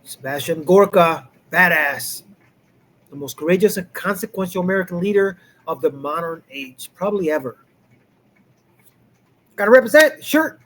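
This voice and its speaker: A man's voice: high-pitched, lively intonation, normal speed, pauses often, a bit bright. A man hosting a live stream, reacting to clips in a rambling, chuckling way. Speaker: host.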